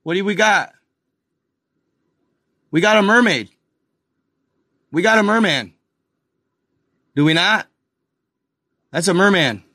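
A man hosting a casual video, talking excitedly over images on screen, speculating and firing questions at his viewers. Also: high-pitched, slow pace, pauses often, no echo, studio quality. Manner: addresses viewers as guys and y'all, lots of fillers. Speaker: video host.

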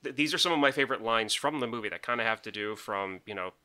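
A man's voice: fairly low pitch, quick pace, sharp tone, smooth. A man in his thirties co-hosting a casual podcast chat, rambling with restarts and laughing often. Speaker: podcast co-host.

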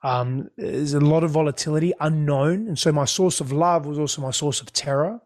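A man described as Greek, from Australia, speaks candidly and reflectively as an interview guest, often repeating words while searching for what to say. His voice sits a little high for a man, and his delivery is a little fast and a little mellow.

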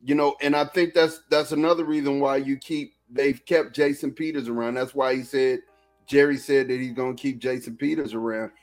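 A man's voice: mid-range voice, fairly even intonation, moderate pace, faint music behind. A Texan man co-hosting a casual sports podcast, rambling and repeating himself as he talks football. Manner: rambling, repeats himself, lots of "you know what I'm saying". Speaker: podcast co-host.

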